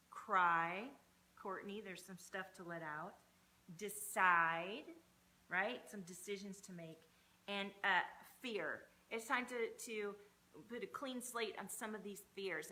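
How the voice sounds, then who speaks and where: A woman's voice: mid-range voice, pushed and bright. A woman giving an informal, sweary motivational pep talk as a coach on a livestream, with emphatic, punchy delivery. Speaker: energy coach hosting a livestream.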